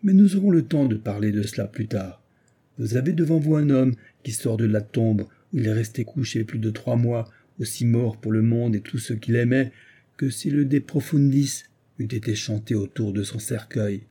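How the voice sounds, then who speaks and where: A man's voice: medium pitch, normal speed, dark tone, breathy edge, lightly acted. A man reading aloud, voicing an impatient young army captain who speaks with vehement urgency. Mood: urgent.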